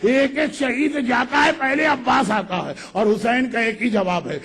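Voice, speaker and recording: Very high-pitched man preaching passionately. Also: fairly bright tone. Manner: dramatic storytelling, voicing the figures in quotes. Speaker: religious orator. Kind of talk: impassioned mourning sermon.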